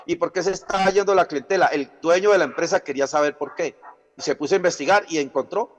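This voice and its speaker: Man, pastor-teacher, slightly high voice, explanatory with rhetorical questions, echoing hall. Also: fast. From Colombia. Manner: explanatory, rhetorical questions, repeats phrases for emphasis. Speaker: pastor teaching a chaplaincy class. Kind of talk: Bible teaching lecture. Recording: long hall reverb.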